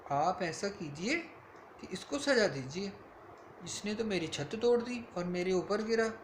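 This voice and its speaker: A man's voice: high-pitched, lively intonation, measured pace, reverberant, a little hiss or hum. A man voicing a poor male villager who pleads with the king in a bedtime story. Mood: pleading. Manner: pleading, protesting.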